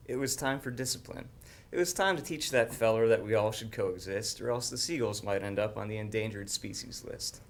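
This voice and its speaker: A man's voice: mid-range voice, close to an everyday voice. A man acts out a folksy cowboy poet telling a comic Western ballad in rhyme. The voice has a cowboy twang and a drawling, storytelling delivery. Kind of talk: rhyming cowboy poetry recitation.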